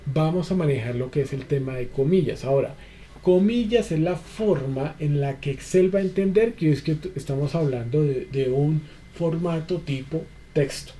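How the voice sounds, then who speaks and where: A man's voice: fairly high pitch, normal speed, dark tone, slight background noise. A man teaching an online spreadsheet class, walking through each step patiently with many repeated fillers. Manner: patient, repetitive, fillers like "entonces" and "listo". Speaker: instructor.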